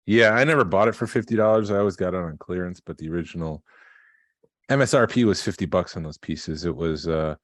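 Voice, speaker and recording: A man's voice: sits low, fairly quick, no room sound. A man co-hosting a collecting podcast in casual chat, explaining things in a matter-of-fact way. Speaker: podcast co-host.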